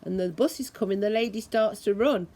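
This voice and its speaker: Reading a kids' story out loud, this mid-range female voice goes at a measured pace and mimics the noises in the tale with lots of expression.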